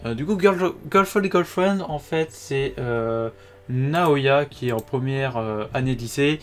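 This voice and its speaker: A man's voice: mid-range voice, unhurried. A young man casually reviewing seasonal anime, slangy and full of fillers, sometimes swearing, reading plot summaries aloud. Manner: informal and slangy, many fillers, occasional swearing; reads synopses aloud in a flatter voice. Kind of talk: casual video commentary.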